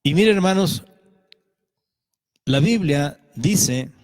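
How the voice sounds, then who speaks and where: A male pastor preaching a sermon, animated, acting out voices and questioning the congregation. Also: fairly high pitch, extremely slow. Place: church sanctuary. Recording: church hall reverb.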